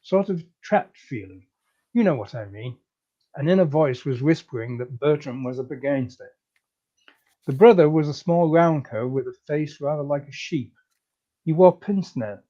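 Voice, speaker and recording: A man reads a comic story aloud in a breezy, chatty way, his voice fairly high for a man yet soft and mellow. The recording sounds a little dull and lo-fi. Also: animated, moderate pace. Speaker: story reader. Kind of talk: comic live reading of a story.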